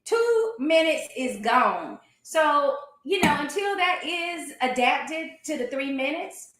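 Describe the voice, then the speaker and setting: A woman in an animated, casual sports discussion, speaking emphatically and colloquially with strong opinions. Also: sits high, takes it slowly. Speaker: boxing talk show commentator. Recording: roomy, echoey sound.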